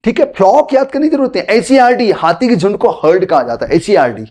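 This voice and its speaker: A man's voice: sits high, big pitch swings, fairly quick, darkish tone. A man teaching beginners spoken English, explaining patiently and repeating his points to viewers he calls friends. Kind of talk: spoken English lesson to camera.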